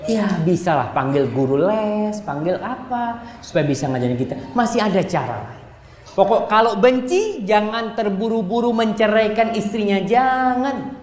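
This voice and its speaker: A man preaching to a congregation in a lively, joking way, sometimes quoting Arabic phrases slowly. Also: high-pitched. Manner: lively, joking, acts out spouses' voices. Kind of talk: sermon to a congregation. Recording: echoey hall with long reverb.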